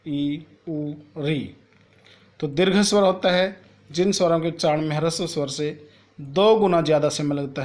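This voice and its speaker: A man's voice: a little high, darkish tone. A man teaching a school grammar lesson to children. He asks a question and then answers it himself, and he spells out sounds one at a time. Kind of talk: classroom lesson explaining Hindi grammar to children.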